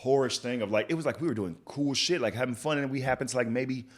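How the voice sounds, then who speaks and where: In casual podcast chat, a young man from Texas who hosts the show spins lively stories, performing the quotes as he goes. He talks fast in a mid-range voice.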